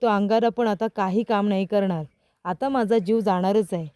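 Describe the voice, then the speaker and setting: A woman's voice: mid-range voice, moderate pace, warm tone, no echo, studio quality, close to an everyday voice. A woman voicing a young husband who teases his wife and then patiently explains, asking rhetorical questions. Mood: pleading. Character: young man, teacher, teasing then earnest.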